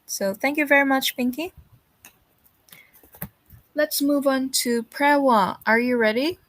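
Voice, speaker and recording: A woman's voice: high-pitched, measured pace, a bit bright, no echo. A woman English teacher giving patient, encouraging feedback to students in an online class over a video call.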